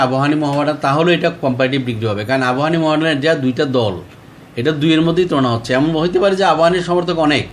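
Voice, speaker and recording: A man, teaching an English grammar lesson to school students and slowing down to spell out each English example. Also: on the high side, a little hiss or hum.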